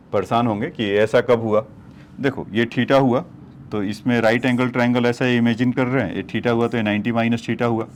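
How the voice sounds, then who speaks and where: A man's voice: medium pitch, slight background noise. A male physics teacher working through problems on a board, explaining each step and addressing his students as children. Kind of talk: whiteboard problem-solving lecture.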